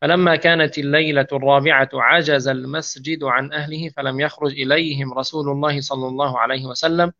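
A man reading hadith narrations aloud in a steady, measured recitation, sometimes restarting a word. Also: a little high, highs cut off.

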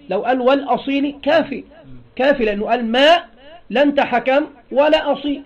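High-voiced Egyptian teacher quizzing his class. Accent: Egyptian Arabic. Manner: repeats phrases and prompts the class with questions. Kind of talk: classroom grammar lesson. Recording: dull lo-fi classroom recording.

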